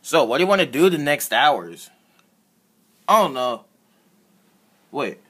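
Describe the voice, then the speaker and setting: Animated, husky high-voiced man play-acting. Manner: halting, excitable, repeats words and stumbles. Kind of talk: improvised character play-acting for a fan video.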